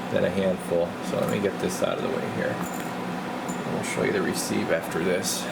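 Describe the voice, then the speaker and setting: A radio repair technician, presenting his bench work, gives a casual hands-on demonstration and informally talks himself through each step. His voice is deep and creaky. The workshop recording is noisy, with a loud, steady hiss.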